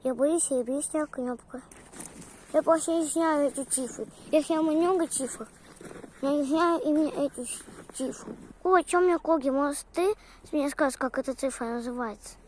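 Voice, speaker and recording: Woman as a high-pitched chatty corgi puppy. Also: moderate pace, slight background noise, natural voice, low-quality recording. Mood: chatty, pleading. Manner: childlike, rambling, singsong. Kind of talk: improvised pet role-play vlog.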